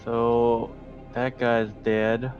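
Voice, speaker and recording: A man's voice: mid-range voice, level tone, very slow, faint music behind. A man playing a tabletop game, describing his moves plainly with some joking. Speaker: player. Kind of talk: casual tabletop game play. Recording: dull lo-fi mic.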